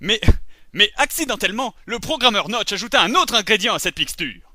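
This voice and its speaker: A man's voice: sits high, expressive, fairly quick, no echo, clean studio sound, faint music behind. Giggly man flubbing his lines. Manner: giggly, stumbling over lines, swearing, bursts of shouting. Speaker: comedy show host. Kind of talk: bloopers from recording a comedy show.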